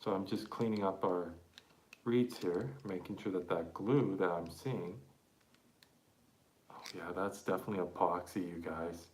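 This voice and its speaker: Low-voiced man chatting while repairing. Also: fairly even intonation, a little mellow, slight background noise. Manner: chatty, halting, talks to viewers while working. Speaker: live-streaming accordion repairer. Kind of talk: casual live-stream repair commentary.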